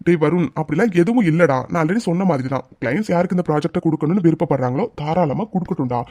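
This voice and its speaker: A man's voice: a little high, animated, racing, dark tone. A man voicing a mischievous young brother-in-law in a cartoon, breezy and teasing. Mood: calm. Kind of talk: cartoon dubbing.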